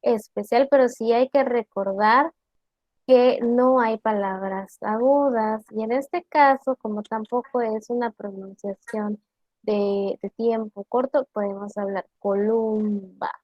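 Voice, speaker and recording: Lady teacher on an online class, slow careful explaining, quizzing students, dull dry audio. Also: on the high side, fairly even intonation, no echo.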